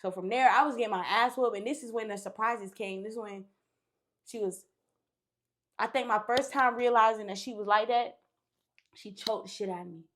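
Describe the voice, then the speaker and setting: A woman's voice: a little high, normal speed, long pauses. A woman guest on a podcast, casually telling a long story with profanity and acted-out quotes. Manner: animated, profane, acts out quotes.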